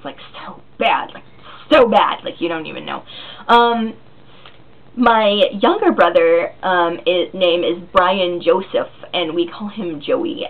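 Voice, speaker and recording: A woman in her early twenties rambles through viewer questions, giggly and loose, her talk full of ums and likes. Her voice sits at an ordinary middle pitch. The sound is thin and tinny, like it came down a phone line. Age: 20s. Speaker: vlogger answering viewer questions. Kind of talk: casual chat.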